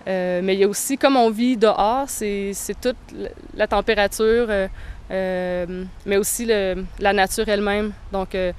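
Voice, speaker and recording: A young woman, answering interview questions thoughtfully, with frequent pauses. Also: medium pitch, steady tone, clean tone. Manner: thoughtful, hesitant, many pauses. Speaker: touring cyclist interviewee.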